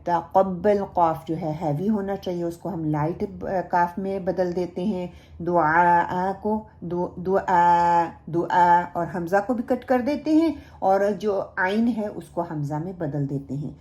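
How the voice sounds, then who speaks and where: A woman's voice: fairly low pitch, animated, hardly any pauses, mellow, dull audio. A woman teaching Quran recitation in a recorded lesson, patiently explaining each sound step by step and modelling it herself.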